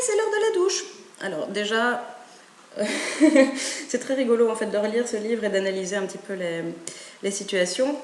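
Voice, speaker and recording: A woman giving parenting advice in a casual, animated way, acting out a children's story as she talks. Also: mid-range voice, slight background noise. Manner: animated, acts out stories. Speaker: parenting educator. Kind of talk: casual spoken advice video. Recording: echoey room.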